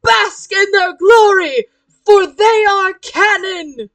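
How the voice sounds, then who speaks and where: A woman voicing a pompous, self-important male angel with grandiose, booming speech. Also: slow, fairly bright tone, dry recording, distant mic, exaggerated voice.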